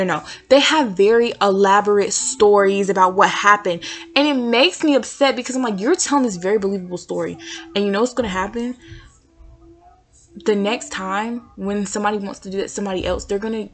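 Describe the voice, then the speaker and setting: Chatty young woman podcasting from a dorm. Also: mid-range voice. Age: young adult. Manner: casual, chatty, filler-heavy. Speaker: student podcaster. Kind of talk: solo podcast monologue. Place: dorm room at night.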